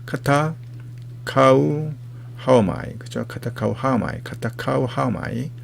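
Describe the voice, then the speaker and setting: A man's voice: medium pitch, unhurried, vocal fry, a little hiss or hum. A man teaching biblical Greek words in a lecture, patiently repeating each term several times. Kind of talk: vocabulary lecture with repeated drills.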